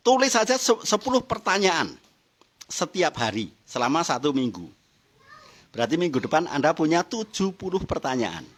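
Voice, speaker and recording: A man's voice: on the high side, very animated, moderate pace. A middle-aged man gives a motivational seminar talk, teasing the audience with questions and laughing along. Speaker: business motivational trainer.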